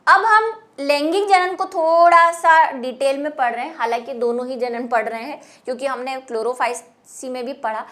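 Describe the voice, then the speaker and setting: High-voiced woman teaching biology. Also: steady tone, moderate pace, a bit bright. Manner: explanatory, repeats key terms in Hindi and English. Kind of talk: classroom lecture.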